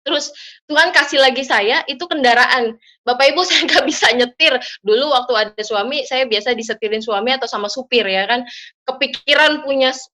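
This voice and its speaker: A woman's voice: high voice, a little fast, bright, forceful tone. A woman giving a heartfelt personal testimony at an online church prayer service, speaking earnestly and directly to the congregation.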